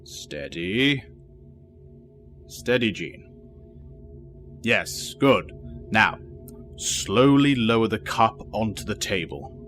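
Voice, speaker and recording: An actor playing a calm, grave older professor mentoring young people, measured and authoritative, in an audio drama. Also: male voice, fairly low pitch, faint music behind, exaggerated voice. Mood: patient, encouraging.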